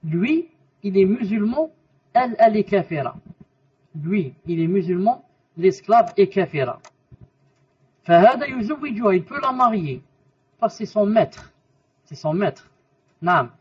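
A man's voice: sits high, lively intonation, measured pace, long pauses, husky. A man teaching a religious lesson, explaining by asking questions and repeating the answers, and mixing in Arabic terms and quotations. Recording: muffled voice from a distance.

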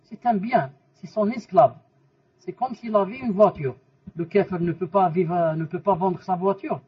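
Professeur de religion à la voix voilée. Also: male voice, high-pitched, normal speed, husky. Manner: explains by asking questions and repeating answers; mixes in Arabic terms and quotations. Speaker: religious teacher. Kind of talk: religious lesson to students. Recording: muffled voice from a distance.

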